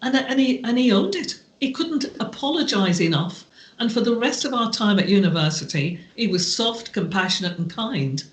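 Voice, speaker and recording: A woman guest on a podcast, telling stories slowly and deliberately in a heartfelt, reflective way. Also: a little high, expressive. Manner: slow, deliberate, heartfelt delivery. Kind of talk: reflective storytelling in conversation. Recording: roomy echo.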